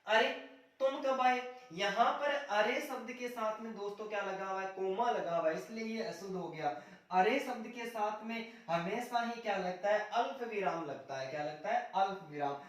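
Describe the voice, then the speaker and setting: A man with a high voice teaches an exam grammar lesson. He asks a question, answers it himself, and calls his viewers "friends" again and again. He stands far from the mic in a very echoey room. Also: moderate pace.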